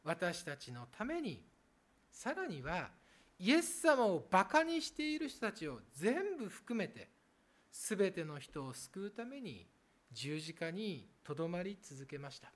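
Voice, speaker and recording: Pastor with a lively, rising and falling voice. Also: mid-range voice, a little slow. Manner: earnest, speaks gently to children in the congregation; lively rises and falls for emphasis. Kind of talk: sermon.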